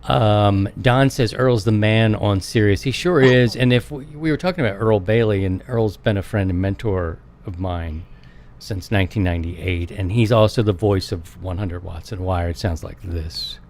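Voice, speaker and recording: A man's voice: lowish voice, moderate pace, darkish tone. A man hosting a show, chatting casually and informally. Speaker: show host. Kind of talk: casual chat.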